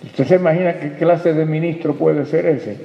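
A man's voice: a little high, fairly even intonation, moderate pace, gravelly. A male pastor delivering a sermon, speaking emphatically and posing rhetorical questions to his congregation. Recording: echoey hall, dull lo-fi sound.

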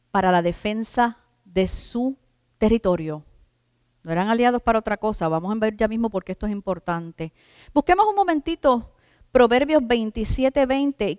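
Smooth-voiced woman preaching a sermon. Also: fairly high pitch, darkish tone, no echo, clean studio sound, big-room sound. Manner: emphatic, drawn-out stresses on key words; addresses the congregation as brothers.

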